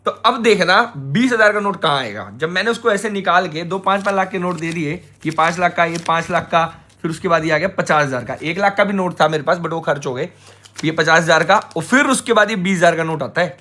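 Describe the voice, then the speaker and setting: A young man, a travel vlogger telling the viewers a story in animated casual chat. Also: on the high side, brisk.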